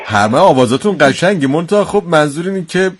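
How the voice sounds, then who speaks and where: A man's voice: on the high side, very animated. A man hosting a radio talk show, chatty, teasing and full of praise for his guest. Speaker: radio host.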